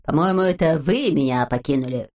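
Woman doing a calm, clever little boy. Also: low-pitched, a little fast, voice pushed down, lightly acted. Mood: reasoning. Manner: level, reasoning, dry.

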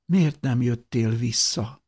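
A man reading an audiobook, voicing a gentle, sorrowful young woman who speaks softly and half whispers. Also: mid-range voice, animated, breathy edge, pitched above the performer's own voice. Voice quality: soft, whispery.

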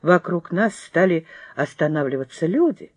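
A woman reading a children's storybook aloud in a lively, expressive way. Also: fairly low pitch, normal speed, slightly rough, no echo. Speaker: audiobook reader. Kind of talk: storybook narration.

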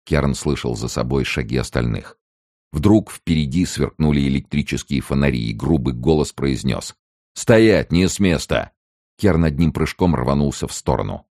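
A man reading a novel aloud as an audiobook narrator, in a steady, measured storytelling manner. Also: rumbling low, dry recording, clean studio sound. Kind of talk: scripted narration.

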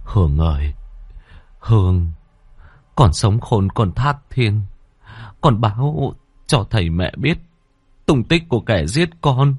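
A man's voice: on the low side, very animated, slow, pauses often, a little mellow, breathy edge, dry recording, exaggerated voice. A man doing a pleading grieving father. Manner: pleading, urgent. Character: grief-stricken village father pleading with his dead child.

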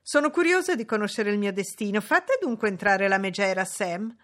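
A woman's voice: medium pitch, expressive, moderate pace, lightly acted. A woman reading an audiobook, voicing a haughty, imperious young noblewoman who gives orders. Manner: imperious, commanding.

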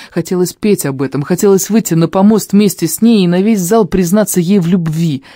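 An audiobook narrator reading a first-person fantasy story with expressive, emotional delivery on a close microphone. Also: medium pitch, dry recording.

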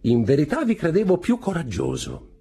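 A man's voice: on the high side, wildly swooping pitch, moderate pace, vocal fry, warm tone, breathy edge, voice pushed up, full character voice. A man doing an ironic young Parisian dandy. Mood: teasing.

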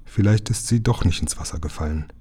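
A man reading a children's book aloud, voicing a polite, timid gentleman who speaks nervously. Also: deep voice, a little fast, breathy edge.

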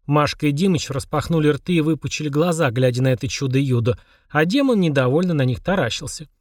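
A man narrating an audiobook in an even storytelling manner. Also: fairly high pitch, a little fast, dry recording, studio quality.

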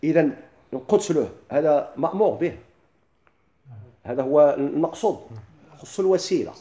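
A middle-aged man with a Moroccan accent, teaching a classroom lesson. He keeps asking his listeners quick questions and then answers them himself. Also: a little high, lively intonation, warm tone, echoey room. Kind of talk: classroom lesson explaining legal theory.

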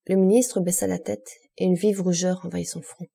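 A woman reads a classic novel aloud at a measured, unhurried pace. Her voice is low and husky, with a dark, mellow tone. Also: little pitch movement. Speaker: audiobook narrator. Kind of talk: audiobook narration.

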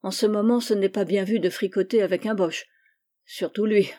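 A woman reading the part of a frightened middle-aged café owner, speaking in a hushed, urgent way. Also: mid-range voice, fairly even intonation, normal speed, close to an everyday voice. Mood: fearful.

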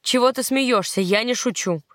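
A woman's voice: fairly high pitch, moderate pace, a bit bright, dry recording, studio quality, close to an everyday voice. A woman reading the lines of a brooding German footballer who scolds in anger. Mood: exasperated. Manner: gruff, scolding.

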